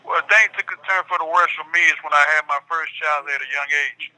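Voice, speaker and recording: A man speaks over a prison phone line, and the call makes his voice thin and tinny. His voice sits fairly high and sounds very bright. He answers questions in a calm, plain-spoken way. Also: brisk. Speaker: federal inmate calling from prison.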